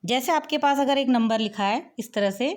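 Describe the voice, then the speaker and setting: A woman's voice: high-pitched, moderate pace. A woman teaching a maths lesson, explaining step by step and asking the viewer questions as she goes.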